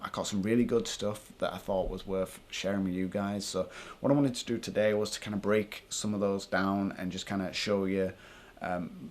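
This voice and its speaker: A British man talking casually and informally to viewers as a paranormal vlogger, thinking aloud as he explains. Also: deep voice.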